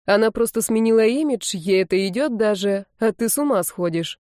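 A calm, mocking young male student with a mellow, warm tone, as a woman reads him aloud. He speaks unhurried and dry, recorded close with no room sound. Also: mid-range voice, no room sound, close to an everyday voice. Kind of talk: audiobook reading.

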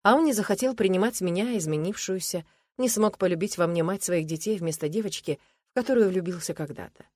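A woman's voice: on the low side, brisk, a little mellow, no echo. A woman reading a first-person story aloud, in an earnest, reflective and emotional way.

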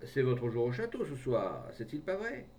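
A man voicing a gruff, half-peasant older man who talks in a loud, rustic, blustering way, recorded from a distance with a faint rumble behind. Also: wildly swooping pitch, moderate pace. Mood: bantering.

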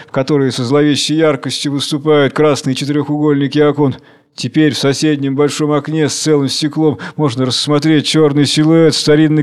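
A man reads stage directions in a measured, solemn way. His voice sits a little high for a man. This is a dramatic reading. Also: darkish tone. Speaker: reader.

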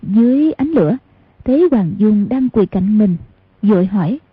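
A woman narrating an audiobook in a steady, measured way with a husky voice, on a tinny lo-fi recording. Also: mid-range voice, no room sound. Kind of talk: storytelling narration.

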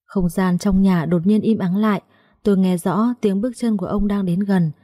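A woman's voice: medium pitch, normal speed, warm tone. A woman narrating a first-person story in a heartfelt, emotional way.

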